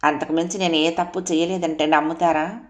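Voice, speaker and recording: A woman's voice: low voice, little pitch movement, a little fast, close to an everyday voice. A woman voicing a dignified young wife who speaks in an earnest, tearful way.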